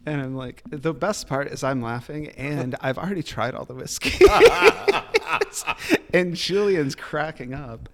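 With a crowd audible behind him, a liquor store retailer speaks in a fairly high, very animated, unhurried voice. As a guest in a casual podcast chat, he tells sprawling, laugh-filled stories and swears freely.

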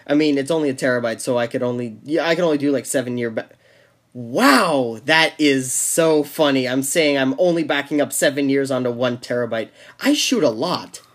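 A man's voice: mid-range voice, brisk, few pauses. Rambling young man on a casual podcast. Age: young adult. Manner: rambling with many restarts and fillers. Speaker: podcast co-host. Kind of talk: casual chat.

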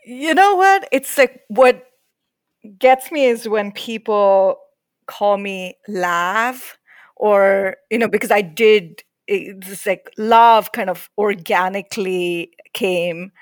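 A woman's voice: medium pitch, slow, dry recording. A woman from India with a mixed New York and Indian accent, a podcast guest who talks candidly and wryly in casual conversation over a video call, laughing often. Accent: mix of New York and Indian. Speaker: guest, managing director.

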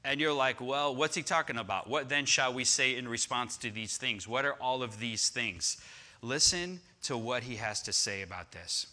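A man's voice: medium pitch, normal speed, bright, forceful tone. A man preaching a sermon on prayer, emphatic and repetitive, building to fervent crescendos. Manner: emphatic, repeats phrases, rising to fervent crescendos. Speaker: pastor.

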